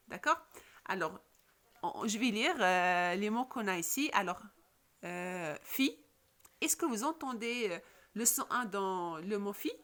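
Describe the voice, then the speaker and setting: Woman teacher, slightly high, unhurried, patient phonics lesson for kids. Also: sharp tone. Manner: slow, patient, repeats questions and checks with "d'accord?".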